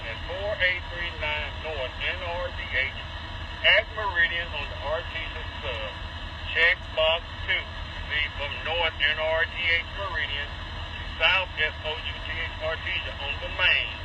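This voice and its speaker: Man reading numbers over two-way radio. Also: fairly high pitch. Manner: methodical, reads numbers back digit by digit. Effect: two-way radio transmission. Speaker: train crew member. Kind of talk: radio procedure talk. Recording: muffled radio with engine noise.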